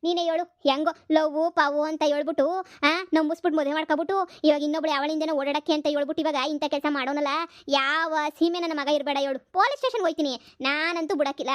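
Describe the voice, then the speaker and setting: A woman voicing a loud, combative village mother in a cartoon comedy, scolding rapidly. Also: high voice, fairly even intonation, no room sound, clean studio sound, lightly acted. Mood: furious. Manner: shouting accusations, rapid scolding.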